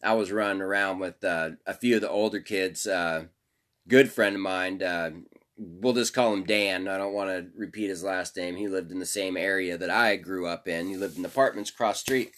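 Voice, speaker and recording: A man's voice: low-pitched, steady tone, normal speed, a bit bright. A man hosting a podcast, telling stories in a rambling, profane, casual way and laughing often. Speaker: podcast host. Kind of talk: casual storytelling monologue.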